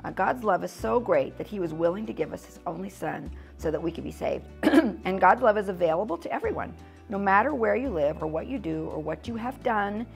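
A woman's voice: mid-range voice, expressive, a little fast, creaky, faint music behind. A middle-aged American woman teaching a children's church lesson in a classroom, chatty and informal, with easy laughs. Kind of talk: casual teaching demonstration. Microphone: fixed camera, mid distance.

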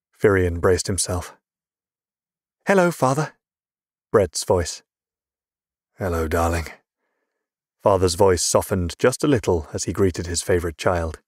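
A man reading a fantasy audiobook in a measured, even storytelling voice. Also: low-pitched, no echo, studio quality. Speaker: audiobook narrator. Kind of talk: scripted narration.

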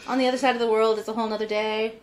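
Here's a podcast host in her thirties, chatting casually over a video call from a bookshelf-filled room at home, earbuds in. She talks very fast in a slightly high, level tone, staying upbeat and chatty with frequent laughter.

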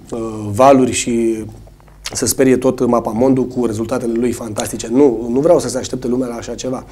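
Hoarse coach, husky and mellow, hesitant delivery with frequent fillers. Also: male voice, mid-range voice. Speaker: swimming coach. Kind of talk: studio interview answers.

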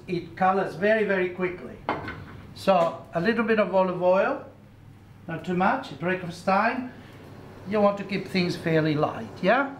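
A cooking show host, a middle-aged man with a high-pitched voice, gives instructive commentary while preparing food in a commercial kitchen. Faint sizzling echoes around the room, and there's a little hiss or hum.

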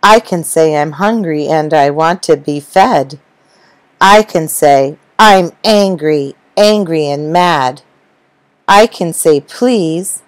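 A woman reading as a greedy male seagull from a storybook, bragging and insisting on more fish. He speaks slowly in rhyme, low and steady. The sound is dry and close. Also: no echo, rough recording. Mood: insistent. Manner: boastful, insistent. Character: hungry demanding male seagull.

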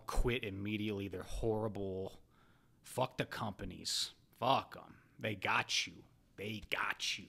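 This gravelly-voiced man, a poker vlogger, recounts his personal habits in a relaxed, profanity-laced anecdote. He alternates between booming, lively bursts and low, mumbled side comments.

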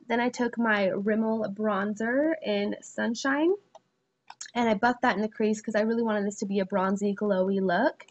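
Woman vlogger, stuffy nasal cold voice, chatty tutorial narration, slightly muffled lo-fi recording. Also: mid-range voice. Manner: casual, chatty, many fillers. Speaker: beauty vlogger. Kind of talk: makeup tutorial voice-over.

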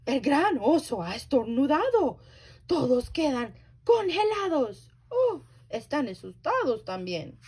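A woman working as a library storyteller, reading a children's story aloud slowly and very expressively. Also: high-pitched, very animated, darkish tone.

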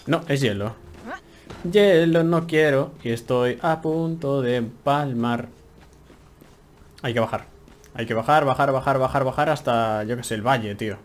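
A man's voice: medium pitch, slight background noise. Chatty man with a Spain Spanish accent. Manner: chatty, exclaiming, talks to himself while playing. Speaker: gameplay streamer. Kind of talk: casual let's-play commentary.

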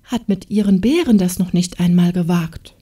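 A woman voicing a humble, gentle young peasant maid in a fairy tale audiobook, speaking timidly and pleadingly. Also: fairly low pitch, moderate pace, breathy edge. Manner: timid, pleading, soft-spoken.

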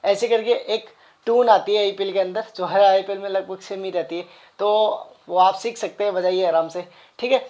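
A man teaching the flute in a casual, chatty way, explaining quickly between sung note syllables. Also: high-pitched, steady tone, a little mellow. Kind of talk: casual music tutorial.

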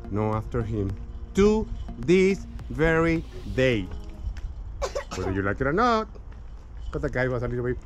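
A man guiding a walking tour speaks at an ordinary mid pitch in a loose, conversational way. He keeps calling his listeners "guys" and adding "okay" and "right", and he often restarts his sentences. He is recorded outdoors on a city street with faint music in the background. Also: rough recording. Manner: chatty, addresses listeners as "guys", many "okay" and "right" tags; frequent restarts and small laughs. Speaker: tour guide. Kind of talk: casual guided-tour history talk.

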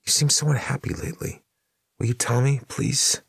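Guy doing a needy ghost wife, pitched way up, begs and repeats herself, audiobook. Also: steady tone, normal speed, gravelly, breathy edge, no echo, studio quality. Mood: worried. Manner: pleading, repetitive. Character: dead wife's ghost, pleading and needy. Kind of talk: audiobook narration.

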